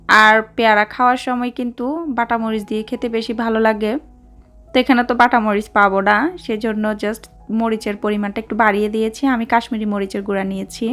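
A chatty woman from Bangladesh talks through her day and a recipe step by step in a relaxed vlog voice. Her voice sits fairly high, with soft background music under it. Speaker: vlogger. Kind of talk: casual vlog narration. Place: mall, indoors.

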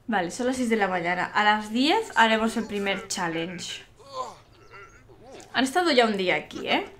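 A woman's voice: medium pitch, animated, normal speed, a bit bright. A young woman with a Spain Spanish accent commentating a life-sim game live, chatty, exasperated and swearing freely. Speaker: streamer.

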